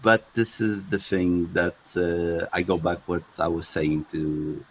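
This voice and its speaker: Deep-voiced, hesitant male co-host. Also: level tone, a little hiss or hum, poor audio. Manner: hesitant, many fillers, measured. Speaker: podcast co-host. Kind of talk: casual gaming chat.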